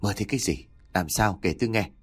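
Man playing a gruff stubborn old husband. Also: fairly low pitch, fast talker, soft background music. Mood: scolding. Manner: scolding, brusque.

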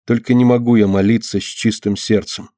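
A man voicing a grieving devout woman who speaks quietly and firmly. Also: fairly low pitch, fairly even intonation, brisk, no echo, clean studio sound, close to an everyday voice. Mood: stern.

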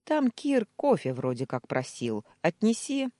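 A woman's voice: fairly low pitch, big pitch swings, unhurried, warm tone, no room sound, clean studio sound, pitched above the performer's own voice. A woman voicing a curt, assertive young man in an audiobook reading. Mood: terse. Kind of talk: audiobook character voice.

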